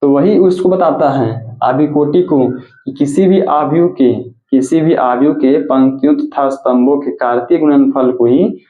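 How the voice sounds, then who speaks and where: A man's voice: medium pitch, a little slow. A male mathematics teacher giving a classroom lecture, who repeats points and asks and answers his own questions. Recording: echoey, tinny phone-like audio.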